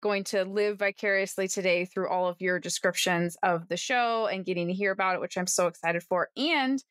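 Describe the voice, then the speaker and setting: Woman host, enthusiastic, close dry mic, mid pitch. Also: moderate pace, a bit bright, no room sound. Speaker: podcast host. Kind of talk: scripted intro then casual chat.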